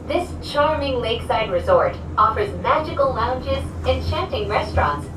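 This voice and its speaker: A woman reading prerecorded, welcoming announcements, heard over a loudspeaker inside a moving cable-car cabin. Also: sits high, sing-song, normal speed. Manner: cheerful, welcoming. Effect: played over a loudspeaker. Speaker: transit announcer. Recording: echoey, distant loudspeaker over loud vehicle noise.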